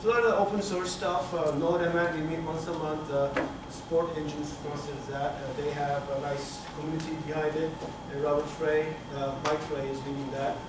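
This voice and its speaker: This is a Turkish conference speaker with a fairly high voice and a level tone, lecturing in an echoey hall with a projector screen. His technical talk is halting, full of fillers and false starts. A room camera at the back records him from a distance, picking up reverb and room noise.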